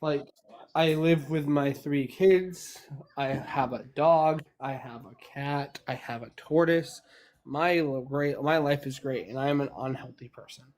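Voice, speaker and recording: A man's voice: a little high, a little slow, a little mellow. A middle-aged man in a casual online debate, explaining his points argumentatively and repeating himself as he goes. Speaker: panelist on a live debate stream. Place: online voice call.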